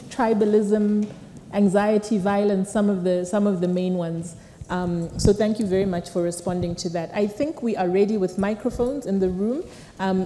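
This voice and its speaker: A middle-aged woman moderates a town hall, her speech full of pauses, fillers and restarts. Her voice is mellow and dark. The hall adds roomy echo, long reverb and a faint background hiss. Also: medium pitch. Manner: hesitant, with many fillers and restarts. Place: lecture hall, seated on a panel.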